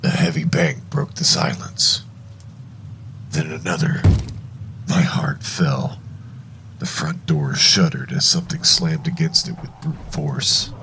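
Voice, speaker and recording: A man narrating a first-person horror story in a hushed, deliberate, suspenseful way, with a gravelly voice. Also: deep voice, huge pitch swings, noisy background.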